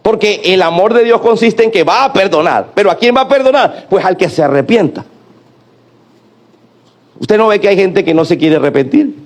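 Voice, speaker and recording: Male pastor, middle-aged, fairly high voice, preaches with call-and-response questions to the congregation. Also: animated, moderate pace. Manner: preaching, calling on the congregation to repeat and answer. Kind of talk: sermon.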